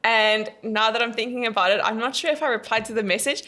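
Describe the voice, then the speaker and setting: A woman's voice: a little high, quick pace, sharp tone. A South African woman co-hosting a podcast, chatting casually with lots of laughter and trailing sentences. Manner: bubbly, laughs often, trails off mid-sentence. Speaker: podcast co-host. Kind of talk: casual chat.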